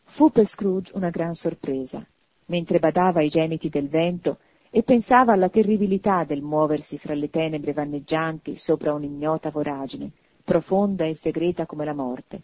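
A woman giving an expressive audiobook narration of a classic novel. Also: sits low, normal speed, no echo, lo-fi sound. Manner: expressive, animated reading.

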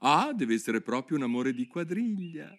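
A man voicing a polite, curious young girl in a storybook reading, with a light, quick delivery. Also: a little high, very animated, pitched above the performer's own voice.

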